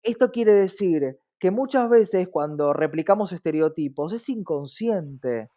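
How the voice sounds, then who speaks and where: A woman with an Argentine accent, speaking as an interview guest, explains things in a conversational, reflective way and often checks in with rhetorical questions. Her voice sits on the low side, with lively intonation, an unhurried pace, and a warm tone.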